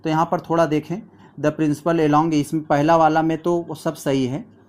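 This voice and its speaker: Male tutor, slightly high voice, patient step-by-step exam explainer. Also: little pitch movement, a little mellow. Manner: explains step by step, reads questions aloud slowly. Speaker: teacher. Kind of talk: exam practice lesson.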